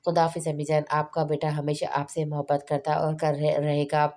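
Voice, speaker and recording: A woman voicing a young man bidding his mother goodbye, in a low, even voice. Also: moderate pace, lightly acted. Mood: restrained. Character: young man, devoted son saying goodbye.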